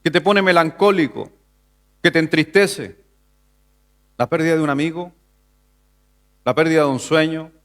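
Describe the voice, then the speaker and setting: At a moderate pace, with long pauses and a slightly bright voice, a pastor from Chile delivers his Sunday sermon in the church sanctuary. He poses rhetorical questions to the congregation and climbs to an emphatic pitch in key passages.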